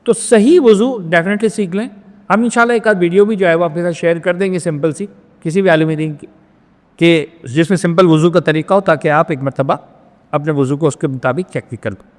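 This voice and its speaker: A male cleric teaching a Hajj training class, explaining step by step, mixing in English words and checking that each point is clear. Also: high-pitched, darkish tone, in a large hall. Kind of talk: religious training lecture.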